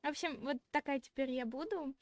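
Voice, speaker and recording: A woman's voice: high-pitched, a little fast, dry recording. A woman streamer chatting casually with viewers in a cute, girlish, slightly shy and giggly anime-streamer manner. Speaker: VTuber streamer hosting a redebut stream. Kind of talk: casual livestream chat with viewers. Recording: clear background music. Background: music.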